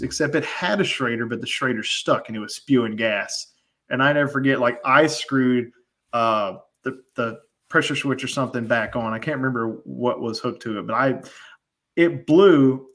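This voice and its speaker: A man, an HVAC technician, telling animated trade stories in casual podcast chat, full of slang. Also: mid-range voice.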